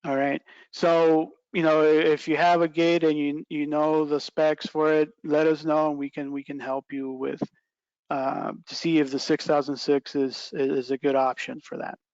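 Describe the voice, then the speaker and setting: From a small plain indoor room on a video call, a middle-aged product trainer presents a webinar informally, going step by step and checking in with "right" and "okay." His fairly high, slightly mellow voice has little pitch movement and a slightly slow pace. There's no room sound, and the audio is lo-fi.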